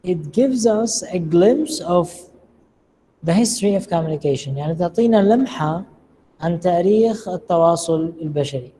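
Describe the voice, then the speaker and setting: A lecturer who speaks slowly and deliberately, quizzing students on word meanings in a lecture room. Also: mid-range voice, expressive, warm tone. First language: Arabic. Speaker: English lecturer. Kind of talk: classroom lecture with questions to students. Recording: long reverb, faint room noise.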